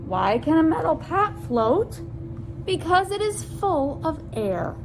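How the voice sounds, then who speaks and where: Reading aloud carefully at a children's science storytime, a woman talks to the young audience as friends and poses simple questions. She sounds high-pitched and very lively, and noise can be heard behind her.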